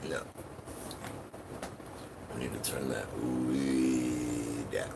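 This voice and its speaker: A man's voice: a bass voice, level tone, extremely slow. A man chatting casually on a livestream, rambling along and swearing freely. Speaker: live streamer. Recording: clearly noisy livestream audio.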